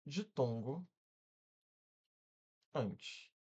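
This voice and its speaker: Brazilian male tutor, animated swooping delivery, punchy quick check-ins, breaks words into syllables. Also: medium pitch, breathy edge, lo-fi sound. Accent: Brazilian Portuguese. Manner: energetic, checks in often with quick questions. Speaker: exam-prep grammar teacher. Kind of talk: online exam-prep lesson.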